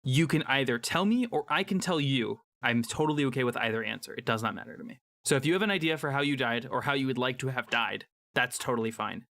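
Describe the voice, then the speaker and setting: Man, tabletop game master, bright voice, relaxed and encouraging. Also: mid-range voice, fast talker, few pauses. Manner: easygoing, encouraging, laughs often.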